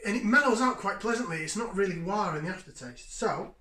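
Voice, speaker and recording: A man's voice: sits high, lively intonation, a little fast, bright, forceful tone. A man in his thirties reviewing a beer in his home kitchen, chatty and enthusiastic as he sniffs and sips. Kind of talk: casual beer tasting review. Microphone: fixed camera at table distance. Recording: echoey kitchen.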